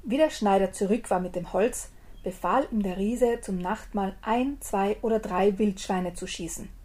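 A woman's voice: medium pitch, moderate pace, husky. Woman narrating a fairy tale. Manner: lively storytelling, explaining dialect words. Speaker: storyteller.

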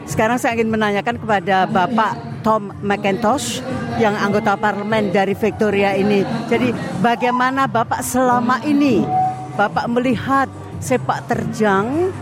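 Polite Indonesian woman interviewing over loud music. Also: fairly high pitch. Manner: polite, deferential, wordy, switching between Indonesian and English. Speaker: event interviewer. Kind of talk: live on-site interview. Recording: loud music and crowd behind.

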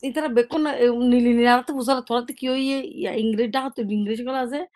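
A woman's voice: a little high, racing, a little mellow. A woman who is a native Rohingya speaker, giving a conversational first-hand account and often repeating words. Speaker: interviewee recounting an eyewitness experience.

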